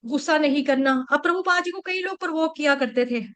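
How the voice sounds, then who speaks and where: A young woman with a high, fairly bright voice talks a little fast as she gives a devotional scripture talk. She tells it like a conversational story, often checking in with listeners through words like "okay" and "right."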